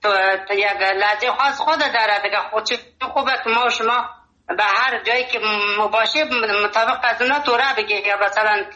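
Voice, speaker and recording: A man's voice: high-pitched, sharp tone. Kabuli-accented man calling in by phone. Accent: Kabuli Dari. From Afghanistan. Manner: effusive, courteous, hesitant with fillers. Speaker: caller. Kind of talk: radio call-in chat. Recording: dull, echoey phone line.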